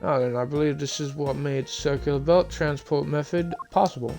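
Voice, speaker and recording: A man voicing a composed, formal male prosecutor, reading game dialogue aloud in a measured way. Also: fairly high pitch, steady tone, darkish tone, natural voice. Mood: confident. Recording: game music behind the voice.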